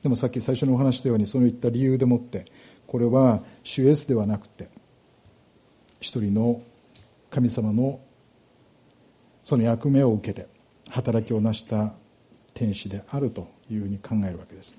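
Male pastor delivering an expository sermon; dark, husky voice, patient teaching manner. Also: mid-range voice, steady tone. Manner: explanatory, measured, with rhetorical questions to the congregation.

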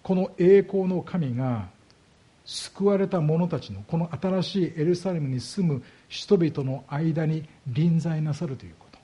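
In his fairly high, warm, husky voice, this pastor unpacks scripture for his flock and poses rhetorical questions. He leans on key words by slowing way down.

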